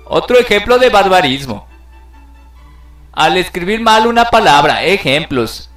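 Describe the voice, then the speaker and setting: A man's voice: high voice, sing-song, unhurried, fairly bright tone, echoey room, far from the mic, soft background music. Theatrical man narrating a lesson. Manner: theatrical, exclaims in mock outrage. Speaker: video narrator. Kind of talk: playful educational narration.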